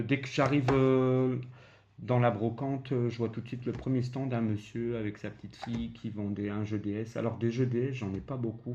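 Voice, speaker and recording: A man with a Belgian French accent casually shows off video games he found at a flea market in vlog-style commentary, hesitating and using many filler sounds. His voice is lowish and mellow, captured in a dull, lo-fi, noisy home recording.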